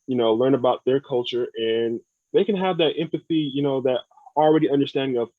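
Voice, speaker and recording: A young American man, a guest on a casual podcast, speaks in a mid-range voice at a fairly quick clip. He sounds earnest and thoughtful, often repeating words as he works through his ideas. The recording is dry and phone-like, with no echo.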